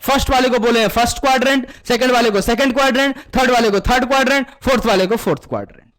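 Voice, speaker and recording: A man's voice: very high voice, racing, a bit bright. A man teaching math in Hindi mixed with English terms, asking the same question over and over and answering it himself, calling students "beta". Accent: Indian Hindi with English terms. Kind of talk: classroom lesson with call-and-response.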